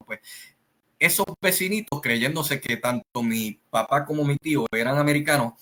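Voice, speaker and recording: A man with a Puerto Rican Spanish accent telling a family story in a slow, rambling way, full of fillers and restarts. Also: mid-range voice, pushed and bright, low-quality recording. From Puerto Rico. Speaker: channel host. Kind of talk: casual storytelling monologue.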